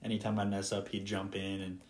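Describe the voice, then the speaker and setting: A man in his twenties who works as a flight instructor, sitting in as a podcast guest. He tells his stories casually and with lots of animation, bringing radio exchanges to life. His voice sits somewhat low. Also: a little fast. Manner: lively, animated retelling of radio calls. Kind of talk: casual storytelling in conversation.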